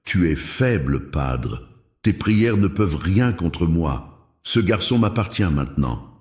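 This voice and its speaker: A man's voice: sits low, big pitch swings, slow pace, darkish tone, full character voice. A man voicing a sly, menacing evil spirit that speaks in a cold, sneering murmur. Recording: roomy echo.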